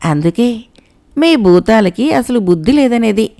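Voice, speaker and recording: A woman's voice: a little high, animated, measured pace, vocal fry, mellow. A woman voicing a timid, teasing young man. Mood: nervous teasing. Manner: nervous, teasing talk. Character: timid, joking young male companion.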